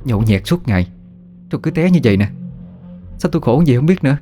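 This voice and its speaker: A man's voice: mid-range voice, animated, fairly quick, darkish tone, voice pushed up, natural voice. A man voicing an exasperated young wife who nags and scolds her husband, over faint music. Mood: nagging. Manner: nagging, scolding.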